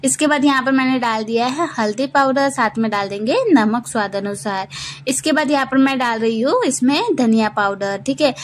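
A woman's voice: high voice, moderate pace, slight background noise. A woman hosting her cooking channel, talking through a recipe step by step in a chatty way, often checking in with "theek hai guys.". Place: home kitchen.

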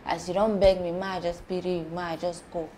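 A woman's voice: lowish voice, level tone, quick pace, warm tone, a little hiss or hum, lightly acted. An actress playing a sassy young woman who works in a shop, teasing in Nigerian Pidgin. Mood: coy. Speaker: shop worker. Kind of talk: Nollywood film acting.

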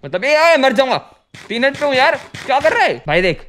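A young man giving loud, excitable let's-play commentary, shouting alarmed bursts as he plays with friends. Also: extremely high pitch, brisk, slight background noise. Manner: loud, excitable, yelling bursts of alarm, mixes English exclamations into Hindi. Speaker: gaming YouTuber playing with friends. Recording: game music playing clearly behind.

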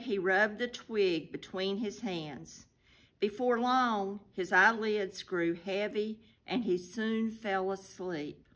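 A woman reads a children's story aloud at a very slow, deliberate pace. Her voice sits at a middle pitch, and her reading is careful and clear. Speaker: reader.

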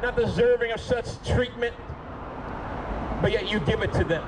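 Man, street preacher, fairly high voice, fervent and pleading, outdoor traffic noise behind. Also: moderate pace. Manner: impassioned, pleading and rebuking, swings from shouting to low urging. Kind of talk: open-air street preaching. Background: cars passing.

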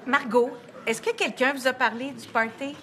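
An actress playing a polite, organised grown daughter with a Quebec French accent, in a natural sitcom style. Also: female voice, sits high, fairly even intonation, moderate pace, heavy background noise, lightly acted. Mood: friendly, organising.

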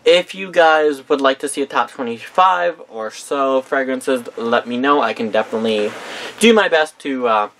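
A man's voice: medium pitch, moderate pace, a bit bright. Chatty young perfume vlogger man. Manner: chatty, frequent ums, enthusiastic. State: hiccups. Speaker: perfume reviewer. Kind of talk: casual vlog review.

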